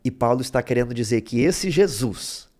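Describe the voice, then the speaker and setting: A man's voice: mid-range voice, animated, moderate pace, a little mellow. A man teaching a Bible lesson, explaining word roots step by step and checking in with his listeners as he goes. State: throat bothering him.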